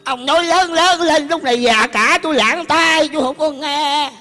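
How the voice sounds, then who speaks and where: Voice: sits high, normal speed, sharp tone. A performer playing a deaf, scornful old woman in a comic cải lương scene. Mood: scolding. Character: hard-of-hearing old woman Lan, scorned and sulky. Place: outdoor live stage.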